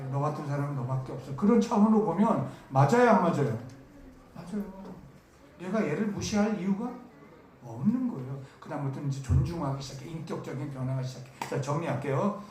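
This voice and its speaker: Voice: medium pitch, darkish tone. A preacher delivering a camp sermon, stressing and repeating key words and putting questions to the audience. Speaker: preacher at a church summer camp. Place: large church hall. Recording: very echoey hall with faint noise.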